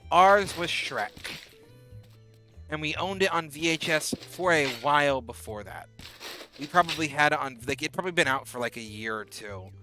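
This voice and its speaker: Medium-pitched, bright and forceful, this man's voice carries casual live-stream banter as he plays a game and answers his chat. He's in his twenties, a little under the weather, and on bed rest.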